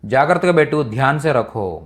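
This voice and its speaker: A man's voice: mid-range voice, expressive, fairly quick. A man teaching in a live online language class, repeating each phrase patiently for students. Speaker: Hindi teacher.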